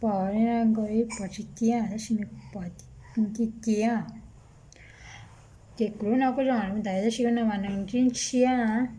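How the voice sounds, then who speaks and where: A woman's voice: a little high, fairly even intonation, unhurried, pauses often, mellow, poor audio. A woman vlogger talking casually in a chatty way to someone nearby. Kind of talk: casual chat.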